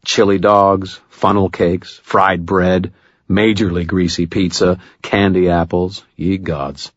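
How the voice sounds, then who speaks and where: A man's voice: low voice, steady tone, slow, dry recording, dull audio. A man narrating a first-person audiobook with wry, dry humor.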